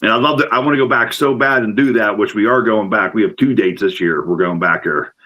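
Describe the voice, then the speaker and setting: A middle-aged man telling a rambling, excitable story as a guest in casual chat, repeating words as he goes. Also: fairly low pitch, fairly quick, lo-fi sound. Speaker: paranormal investigator guest.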